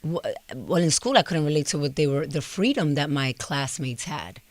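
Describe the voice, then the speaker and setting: A woman's voice: deep voice, lively intonation, normal speed, dry recording. A Dominican-born woman who grew up in Brooklyn, chatting casually as an interview guest and switching between English and Spanish. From Dominican Republic. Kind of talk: casual bilingual interview chat.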